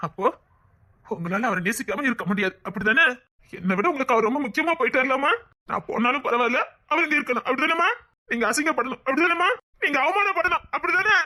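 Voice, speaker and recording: A woman's voice: sits high, fast, sharp tone. A woman voicing a hurt, angry grown son who pleads with his mother in a dubbed serial drama. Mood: accusing. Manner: pleading, accusing.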